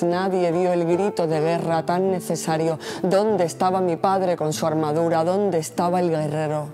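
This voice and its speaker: A woman in her forties, a poet reciting her own poem in a measured, solemn way. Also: on the low side, mellow. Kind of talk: poetry reading.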